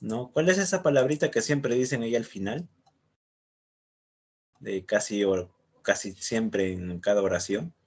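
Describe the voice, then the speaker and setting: A man's voice: fairly low pitch, a little slow, long pauses, slightly rough. A man from Lima with a Limeño Peruvian accent, teaching a literature class in a chatty way and tagging his sentences with "¿no?". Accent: Limeño Peruvian Spanish. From Lima, Peru. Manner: chatty, tags sentences with "¿no?" and "justamente".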